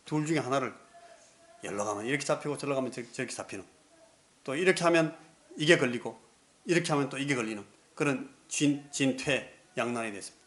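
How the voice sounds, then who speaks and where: Male pastor, sermon, animated storyteller, acts out the scenes, mid-pitched. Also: fairly quick.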